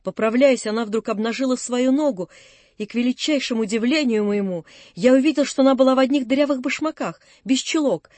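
A woman narrates a novel in a calm, measured reading voice. Her pitch sits on the higher side, and the close studio mic gives a dry sound with no room. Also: no echo. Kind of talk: scripted narration.

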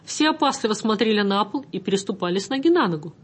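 A woman narrating a story aloud in an even, measured way. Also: mid-range voice, husky. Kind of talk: audiobook story reading.

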